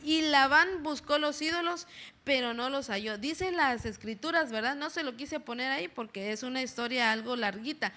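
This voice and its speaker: A woman's voice: high-pitched, moderate pace, sharp tone. A woman giving a chatty church sermon who keeps checking in with a questioning "right?" and asks the congregation questions. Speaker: lay preacher. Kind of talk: conversational sermon. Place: church service.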